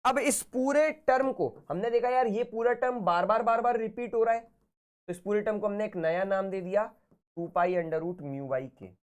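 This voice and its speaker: A man with a sore, hoarse throat teaching physics in a casual, chatty live online class. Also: very high-pitched, moderate pace. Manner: casual, chatty, talks to students informally.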